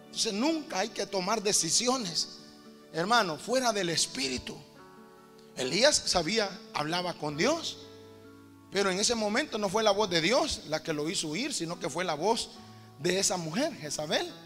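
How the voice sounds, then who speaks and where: High-voiced emphatic male preacher. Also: very animated, moderate pace, fairly bright tone. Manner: emphatic, keeps addressing listeners as brother. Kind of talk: sermon. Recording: reverberant hall with faint music.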